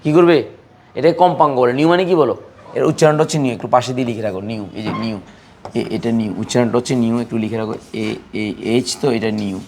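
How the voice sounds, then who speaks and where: A man teaches a live chemistry class at a rapid clip. He drills his students by repeating terms and firing questions at them, with some teasing and scolding. Faint noise hums under the recording. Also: medium pitch, a little mellow. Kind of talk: classroom lecture.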